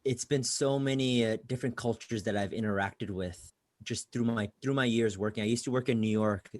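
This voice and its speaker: A man from Bangladesh who grew up in California, chatting casually as a podcast guest. He speaks at a mid pitch, stumbles and repeats words as he gets going, and the recording is close and dry. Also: a little fast, no room sound. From Bangladesh, raised in California. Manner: casual, repeats words when starting sentences. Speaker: guest, career coach. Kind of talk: conversational podcast interview.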